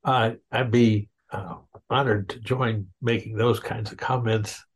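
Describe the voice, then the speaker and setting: A man in his eighties introducing himself on a video call, hesitant and pausing often. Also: fairly low pitch, steady tone, husky, low-quality recording. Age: 80s. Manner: hesitant, with frequent pauses. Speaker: guest panelist.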